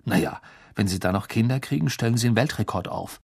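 A man plays a wry teenage boy from a storybook who rattles off dry jokes at speed. The voice sits a little low and husky, with a dry, close sound. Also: a little mellow, no echo. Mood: mocking. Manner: quick, dry wisecracking. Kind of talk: audiobook character voice.

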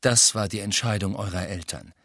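A man voicing a grown wizard who speaks calmly and steadily, close to his own crisp voice. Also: on the low side, normal speed, dry recording, close to an everyday voice. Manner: calm, steady.

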